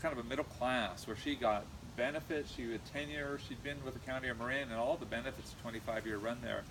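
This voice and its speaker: A middle-aged man from California with an American accent, giving an informal eulogy in a halting, reminiscing way with frequent pauses. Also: medium pitch. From California, USA. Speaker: eulogist, nephew of the deceased. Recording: noisy amateur recording, steady background noise.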